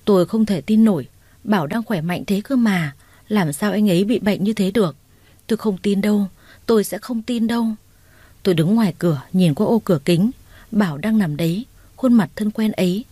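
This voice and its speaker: Brief: woman storyteller, first-person romance narration, warm mellow tone, dry close mic. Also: mid-range voice, normal speed, husky, no echo. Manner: expressive, acts out quoted lines.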